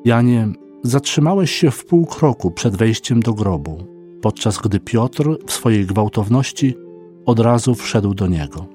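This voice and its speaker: A man reading a devotional story aloud as narrator, slow and gentle in manner. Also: lowish voice, lively intonation. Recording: dry close recording with soft instrumental music.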